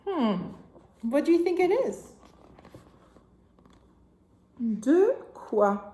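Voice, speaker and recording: A woman's voice: extremely high pitch, sing-song, very slow, warm tone. A woman reading a bilingual picture book aloud to a toddler, in a sing-song teaching manner, repeating lines and asking questions. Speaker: children's storybook reader and language teacher. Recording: echoey room.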